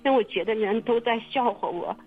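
A woman telling her own story in casual testimony, halting and repeating her words with many fillers. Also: a little high, soft background music. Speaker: testimony guest. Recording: muffled phone-line radio recording.

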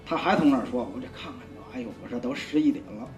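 A man's voice: mid-range voice, very fast, darkish tone. A man, giving a rambling, colloquial spoken testimony full of repeats and restarts. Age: 50s. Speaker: church member giving testimony. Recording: roomy, dull sound with faint music.

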